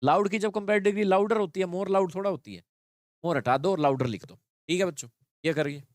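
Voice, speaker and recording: A man's voice: high voice, brisk, dry recording. A man teaching an English grammar lesson, explaining in Hindi with English terms and checking in with students often.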